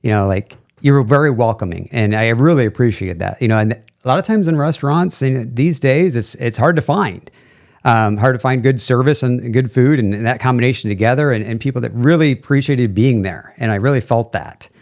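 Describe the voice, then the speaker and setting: A man's voice: medium pitch, fairly quick, a little mellow. A man hosting a podcast, asking questions in a friendly, rambling way full of fillers. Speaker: podcast host. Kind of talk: casual podcast interview.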